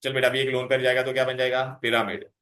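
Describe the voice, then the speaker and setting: Male chemistry tutor, mid-pitch, quizzing pupils nonstop; roomy echo, bits. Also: flat delivery, racing, a bit bright. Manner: coaxing, calls students "beta", quizzes them constantly. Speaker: chemistry teacher. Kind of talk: revision lecture to students. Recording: echoey room.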